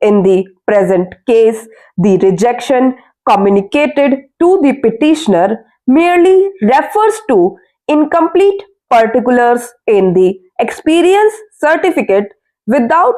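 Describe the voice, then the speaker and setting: A woman reads a formal text aloud as slow school dictation, in measured phrases with deliberate breaks so that listeners can write it down. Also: a little high, a little mellow, low-quality recording. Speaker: dictation reader for stenography practice.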